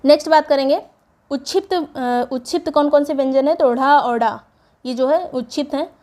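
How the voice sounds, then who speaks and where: High-voiced woman teaching an exam prep lesson. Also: moderate pace, darkish tone. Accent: Hindi, North Indian. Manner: explains step by step, reads word lists aloud.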